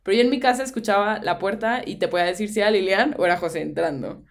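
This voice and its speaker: Talking fast in a medium-pitched voice, this young woman co-hosts a podcast and shares a creepy experience she had. Her accent is Mexican Spanish, the chat is relaxed, and she mixes in bits of English.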